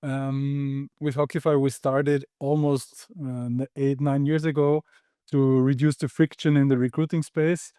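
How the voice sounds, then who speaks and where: Flat-voiced mellow man. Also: medium pitch, clear, resonant tone, no room sound, studio quality. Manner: measured, hesitant with ums. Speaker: guest, startup founder. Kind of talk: casual podcast conversation.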